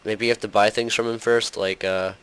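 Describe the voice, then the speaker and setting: Hoarse from a cold, a young gaming channel host talks through gameplay casually, rambling and full of fillers. He speaks briskly with a lowish, fairly bright voice and a level tone.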